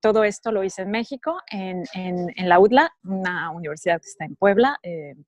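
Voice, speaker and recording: A woman in her forties, speaking in a podcast interview at a middle pitch. Her delivery is measured and reflective, pausing often to find her words. The recording is dry and close, with no room sound. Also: no echo. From Mexico. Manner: measured, thoughtful, with frequent pauses. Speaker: guest.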